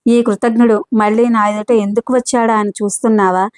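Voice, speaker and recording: A woman voicing a kind, gentle older gentleman who speaks with concern. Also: a little high, little pitch movement, a little fast, no room sound, studio quality, lightly acted.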